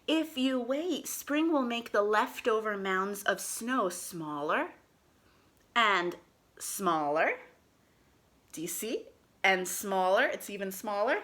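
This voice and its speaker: A storytime host reads aloud to young children in an expressive, sing-song way, talking to them directly with questions and encouragement. Her voice is a woman's, medium in pitch, and she takes her time.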